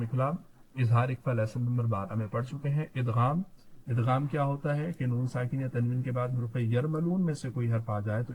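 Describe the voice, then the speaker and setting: A man's voice: medium pitch, low-quality recording. A man teaching Quran reading, spelling out letters one at a time, who asks questions and then answers them himself. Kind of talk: slow spelled-out recitation lesson.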